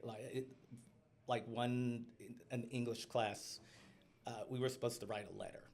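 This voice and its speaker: Guy on a podcast, chatty and candid, laughs a lot, mid pitch voice. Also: fairly even intonation, normal speed, darkish tone. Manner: candid, laughs often, acts out quotes. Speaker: podcast guest. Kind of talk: casual interview chat.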